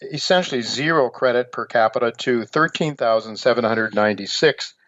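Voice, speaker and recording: A man's voice: mid-range voice, a little fast, fairly bright tone, no echo. Older American man hosting, dry muffled audio. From Ohio, United States. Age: 70s. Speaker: radio show host and newsletter editor. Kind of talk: prepared radio monologue.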